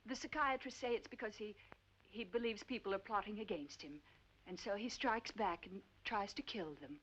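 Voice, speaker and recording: An actress in a 1950s film playing a flighty, affected upper-class wife with a breathy, gushing manner. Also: female voice, mid-range voice, moderate pace, a bit bright. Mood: mock confession. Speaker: film character. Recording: dull old film soundtrack with music.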